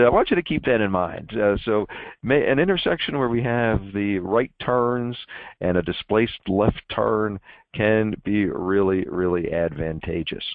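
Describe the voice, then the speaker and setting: A man's voice: on the low side, no room sound. A man giving a technical presentation, with frequent fillers and the odd self-deprecating joke. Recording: tinny phone-like line, dry.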